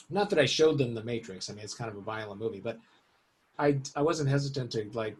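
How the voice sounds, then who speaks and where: A middle-aged man chatting casually as a podcast guest, rambling and laughing often. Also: medium pitch. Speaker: guest musician. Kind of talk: casual interview chat.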